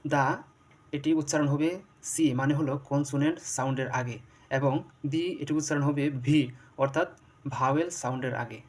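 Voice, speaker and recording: A man's voice: mid-range voice, steady tone, normal speed, pauses often. A man explaining a pronunciation rule in a patient teaching style, spelling out words and repeating examples. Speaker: English teacher. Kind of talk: explanatory lesson.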